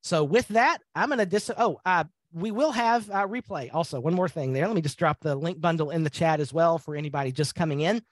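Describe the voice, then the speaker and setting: An upbeat man with a fairly high voice hosts a live training webinar, chatting with fillers. The sound is close and dry, like a video call mic. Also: brisk, few pauses, no echo. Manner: upbeat, conversational, many fillers. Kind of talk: friendly webinar hosting.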